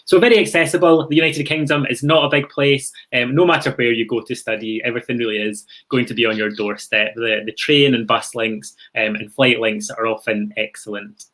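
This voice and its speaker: Young man, strong Scottish accent, medium pitch, informal online presentation, polite, explanatory, reassuring, video call. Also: steady tone, fairly quick, few pauses, fairly bright tone. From Scotland. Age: young adult. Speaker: university international officer giving a presentation. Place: indoor room on a video call.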